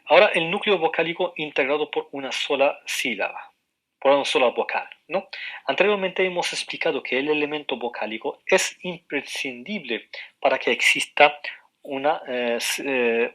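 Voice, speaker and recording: A man giving a university lecture over the radio, explaining slowly with frequent hesitations, repeated words and questioning tags. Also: medium pitch, fairly bright tone.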